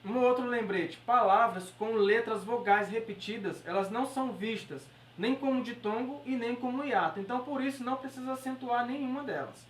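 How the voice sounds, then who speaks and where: A woman's voice: fairly high pitch, a little fast, hardly any pauses, a little hiss or hum. A woman with a Brazilian Portuguese accent teaching an exam-prep grammar lesson, explaining step by step and checking in with her listeners. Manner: explanatory, checks in with "beleza?" and "certo?". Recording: echoey room, voice from far off the mic.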